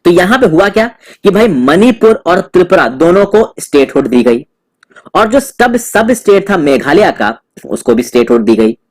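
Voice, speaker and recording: Chatty man with a fairly high voice lecturing. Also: sing-song, normal speed. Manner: addresses viewers as friends, mixes English terms, explains over a map. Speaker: exam tutor. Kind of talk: exam-prep lecture.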